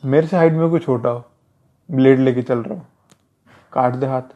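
A man's voice: mid-range voice, normal speed. Guy chatting about fights like an instructor, keeps saying brother, kinda muffled recording. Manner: conversational, repetitive, addresses listener as brother. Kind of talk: casual advice talk. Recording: dull lo-fi recording.

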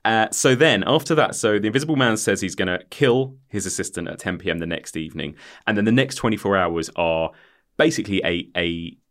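A man's voice: fairly low pitch, expressive, a little fast, a bit bright. A man hosting a casual film discussion, retelling scenes in a conversational way. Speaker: podcast host, quizmaster.

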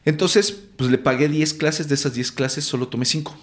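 Guest actor, male, Mexico City accent, lively anecdotal delivery with salty slang. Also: on the high side, moderate pace. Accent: Mexican Spanish. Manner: animated, acts out quotes, swears casually. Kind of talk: casual storytelling interview.

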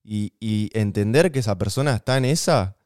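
An Argentine man talks through relationship advice in a loose, conversational way, leaning on slang and everyday examples. His voice is smooth and clear. The sound is dry and close. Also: lowish voice, normal speed, a little mellow, no room sound. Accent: Rioplatense Spanish. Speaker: podcast co-host. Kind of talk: casual relationship advice chat.

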